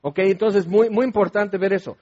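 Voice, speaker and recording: A man's voice: high voice, fairly even intonation, moderate pace, a little mellow. A male pastor, preaching a sermon in a conversational, explanatory way with asides to the congregation. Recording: dull, lo-fi sound.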